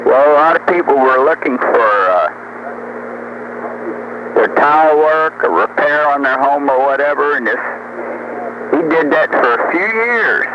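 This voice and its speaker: An older man tells stories over CB radio, folksy, rambling and boastful, with plenty of rhetorical questions thrown in. His voice is on the high side and animated, a little slow, with frequent pauses, captured on noisy, muffled tape.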